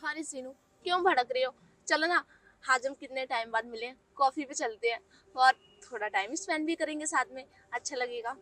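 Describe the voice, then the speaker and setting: A young woman with a high, fairly bright voice speaks briskly while acting in a Hindi web skit. She plays a poor, earnest young woman who reproachfully scolds her ex-boyfriend.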